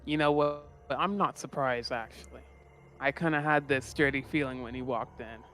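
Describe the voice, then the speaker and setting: A man's voice: medium pitch, moderate pace, pushed and bright, faint music behind, natural voice. A man voicing a brusque, impatient female shaman merchant in an improvised tabletop game, with a curt, dismissive way of talking. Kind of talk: improvised tabletop role-play.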